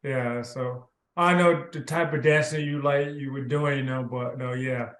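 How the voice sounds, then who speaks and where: A man's voice: mid-range voice, steady tone, a little slow, a bit bright. A man hosting a casual interview, talking in a loose, rambling way with constant filler affirmations. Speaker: podcast host. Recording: roomy video call audio.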